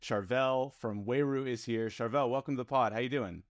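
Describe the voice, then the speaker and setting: A man's voice: medium pitch, normal speed, dry recording, clean studio sound. A man hosting a podcast, introducing his guest in an upbeat, friendly way. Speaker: podcast host.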